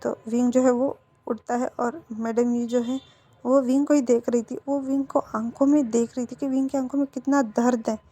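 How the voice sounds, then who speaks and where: A woman's voice: on the high side, fairly even intonation, normal speed, warm tone. A woman casually narrating a fan-fiction story, informal and emotional. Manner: emotional, informal, repeats fillers.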